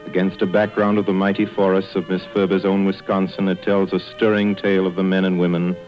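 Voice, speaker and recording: A man with a fairly low voice narrates and hosts in a measured, formal style. The sound is muffled and lo-fi, like an old radio show. Faint music plays behind him. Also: level tone. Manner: measured, stately delivery.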